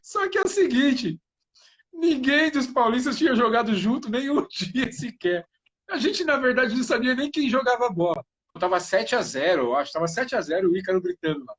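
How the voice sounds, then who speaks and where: A man's voice: extremely high pitch, expressive, normal speed, fairly bright tone, low-quality recording. A man co-hosting a casual live-stream chat, telling funny anecdotes and laughing as he speaks. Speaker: co-host.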